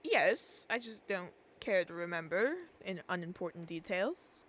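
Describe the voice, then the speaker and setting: A woman's voice: lowish voice, lively intonation, a little slow, fairly bright tone, a little hiss or hum. A woman streamer speaking in character during game role-play, hesitant and searching for words as she goes. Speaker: streamer playing a shopkeeper character.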